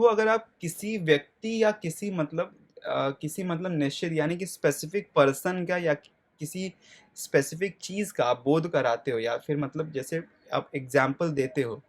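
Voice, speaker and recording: A man teaching a grammar lesson. He asks questions and answers them himself, checks in often with listeners, and slows right down to spell out lists of words. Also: on the high side.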